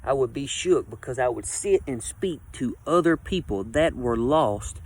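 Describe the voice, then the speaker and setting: Man, fervent new convert, informal vernacular, emphatic rambling testimony, mid-pitched, clearly noisy vehicle-like background. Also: lively intonation, measured pace. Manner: acts out imagined dialogue and asks himself questions.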